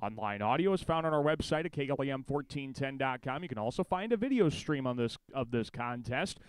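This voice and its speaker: Clear-voiced American sports announcer man. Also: mid-range voice, lively intonation, brisk. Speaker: sports director and play-by-play announcer. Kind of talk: pregame radio sports commentary.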